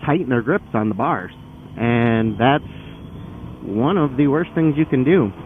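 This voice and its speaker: Male motorcycle vlogger, conversational and loosely rambling, mid-pitched voice, tinny narrowband sound with clear vehicle noise. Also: animated, measured pace. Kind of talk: casual explanatory vlog while riding. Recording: phone-like band, loud wind and engine noise. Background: loud vehicle and outdoor noise.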